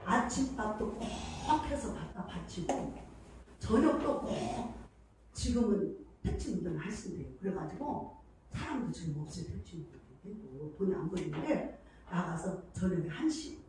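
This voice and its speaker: A middle-aged woman pastor delivers a sermon in a church, telling stories with lots of emotion and filler words. Her voice is mellow and on the dark side. She sounds far from the mic, and the sanctuary gives strong echo. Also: fairly low pitch, sing-song, normal speed, a little hiss or hum. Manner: emotive storytelling with many fillers. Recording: echoey hall from far off.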